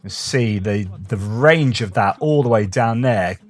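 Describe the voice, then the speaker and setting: A man's voice: lowish voice, expressive, unhurried. A man giving casual commentary on war news, reading out quotes and asking rhetorical questions.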